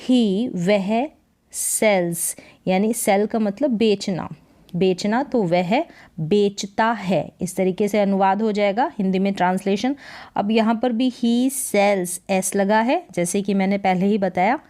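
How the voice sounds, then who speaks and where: A woman's voice: mid-range voice, slow pace, mellow. A woman teaching English reading in Hindi, going word by word, repeating each word and explaining its meaning patiently. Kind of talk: slow step-by-step reading lesson.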